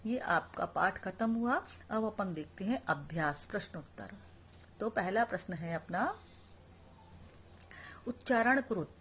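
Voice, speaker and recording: Slow, patient woman teaching a class. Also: mid-range voice, lively intonation, fairly bright tone, slight background noise. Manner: explains each word slowly, then repeats it; asks the class questions and answers them herself. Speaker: Sanskrit teacher. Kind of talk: online class lesson.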